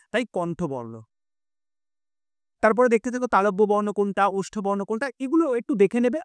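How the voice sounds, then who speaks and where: A man teaches an online class in a fairly high voice, going point by point and often restating or correcting himself. He sounds out vowels for his students. The sound is dry and close, with no room around it. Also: dry recording. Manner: explains step by step, repeats and self-corrects. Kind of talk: online live class lecture.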